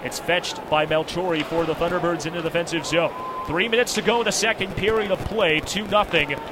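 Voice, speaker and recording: A man calls ice hockey play-by-play live on radio from a broadcast position high above the rink in an arena. His calls are clipped and in the present tense, rising to excitement at big moments. His voice is a little high and brisk against a noisy background.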